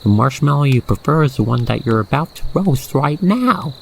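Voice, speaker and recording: A narrator with a mid-range, expressive voice, some vocal fry, and a normal pace leads the listener through a scripted ASMR roleplay, telling it in a soothing, playful way. Night insect ambience fills the background, with faint noise and chirping crickets.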